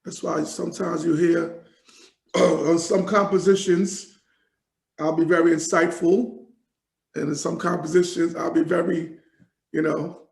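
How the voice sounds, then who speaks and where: Gravelly New man, rambling. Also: a little high, echoey room, rough recording. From Jamaica, raised in New York. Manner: rambling, many fillers and restarts. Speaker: hip hop artist, guest. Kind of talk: casual interview talk.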